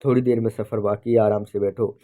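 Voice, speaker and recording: A man voicing a calm middle-aged man who firmly soothes a quarrel. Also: lowish voice, brisk, natural voice. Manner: soothing, firm.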